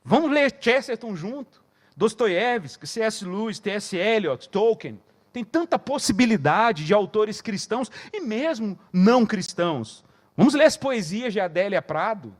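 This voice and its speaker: A man with a Brazilian Portuguese accent preaching as a pastor at a conference, telling stories and acting out conversations in a quieter voice. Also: sits high, big pitch swings, measured pace. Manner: storytelling, acts out dialogue in a quieter voice. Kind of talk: conference sermon. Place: conference hall.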